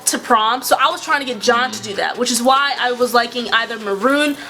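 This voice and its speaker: A young woman chatting casually, telling a storytime tale with quick asides and frequent laughs. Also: fairly high pitch, pushed and bright. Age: young adult. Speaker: YouTuber.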